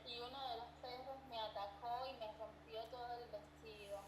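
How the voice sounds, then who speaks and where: A woman from Cuba hosting a casual conversation, with a slightly high voice. She mostly gives short, attentive replies. Her voice sounds roomy and echoey, with clear background noise. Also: fairly even intonation, normal speed.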